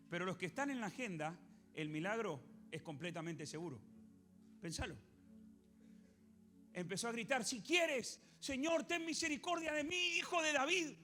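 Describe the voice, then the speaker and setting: A man with an Argentine accent preaching a sermon as a pastor, animated, questioning the congregation and acting out biblical voices. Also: high-pitched. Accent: Argentine Spanish.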